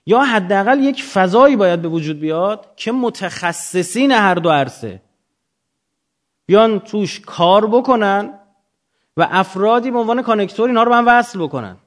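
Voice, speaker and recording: Man lecturing in a didactic way. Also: high-pitched. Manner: didactic, posing questions and answering them. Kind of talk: extemporaneous lecture to students.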